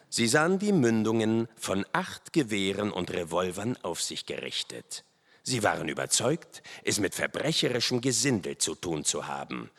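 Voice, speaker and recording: A man reading an adventure story aloud as the narrator, expressive and storytelling. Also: lowish voice. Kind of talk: audiobook narration. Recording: long hall reverb.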